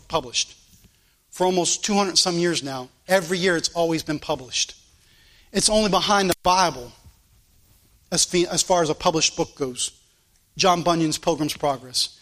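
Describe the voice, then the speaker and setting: A pastor preaches a sermon in a church sanctuary, captured on a live stream recording. His voice sits high with a fairly bright tone, and he delivers it fervently and emphatically, asking many rhetorical questions.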